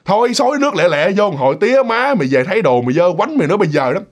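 A man's voice: sits high, sing-song. A man doing a scolding, impatient aunt. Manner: scolding, blunt, rapid. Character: sharp-tongued older aunt, scolding and impatient.

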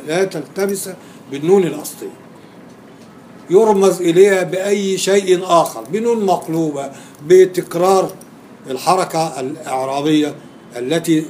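A man's voice: on the high side, a little mellow, slight background noise. A man with an Egyptian Arabic accent lecturing on grammar in a classroom, quizzing his students and repeating key words for emphasis.

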